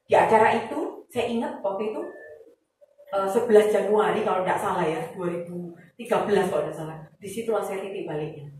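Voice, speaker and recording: A woman with a Javanese-tinged Indonesian accent giving an animated motivational testimony at a sales event, acting out dialogue and mixing in English phrases. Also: medium pitch, fairly quick, slight background noise. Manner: animated storyteller who acts out quoted dialogue and mixes in English phrases. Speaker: speaker sharing her testimony at a sales event. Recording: echoey hall, mic far off.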